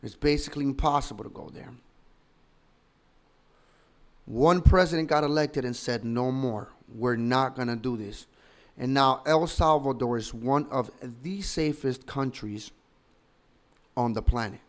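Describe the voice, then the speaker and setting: A man's voice: mid-range voice, moderate pace. A man in his thirties from the Dominican Republic, a political commentator giving opinionated, emphatic and argumentative commentary full of rhetorical questions. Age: 30s.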